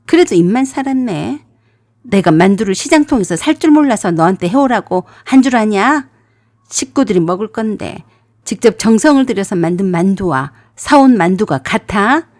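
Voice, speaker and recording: A woman's voice: mid-range voice, animated, normal speed, no echo, studio quality, lightly acted. A woman voicing a harsh, scolding middle-aged mother-in-law in a storytelling radio drama. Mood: scornful. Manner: sharp, scolding, shouting.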